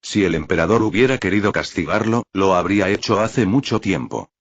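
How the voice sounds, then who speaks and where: A man narrating a light novel in an even, steady storytelling manner. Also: low-pitched, fairly quick. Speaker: audiobook narrator. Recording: dull lo-fi recording.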